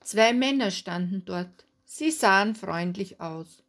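A woman narrating a story in a calm, even read-aloud manner. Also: mid-range voice, slow pace.

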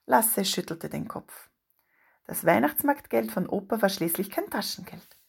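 Storyteller, woman, husky and gravelly, steady expressive reading of a children's tale. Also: mid-range voice, a little slow.

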